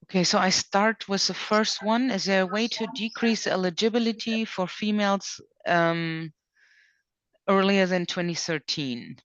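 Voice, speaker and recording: On an online video conference call, a woman presents a programme in an informal question session, reading questions out and explaining the rules step by step. Her medium-pitched voice is unhurried and fairly bright, with no room sound. The audio has the dull quality typical of online calls.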